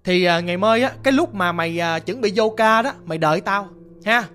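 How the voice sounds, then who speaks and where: A man voicing a gruff, calm middle-aged uncle who gives out charms, speaking in a Southern Vietnamese accent with unhurried fillers. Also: sits high.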